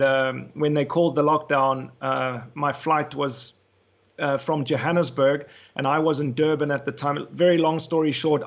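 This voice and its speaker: On a video call, a South African man appears as a guest wedding photographer, chatting casually with many hesitations in an interview setting. His voice is a little high, and the sound is lo-fi.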